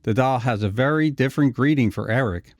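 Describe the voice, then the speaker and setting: A man's voice: medium pitch, a little fast, no echo. A man narrating a scripted retrospective video essay.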